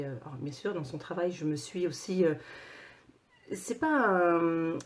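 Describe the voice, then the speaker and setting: A woman coach talking casually to her viewers, animated, with many repeated words and restarts. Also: low voice. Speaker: personal coach and author.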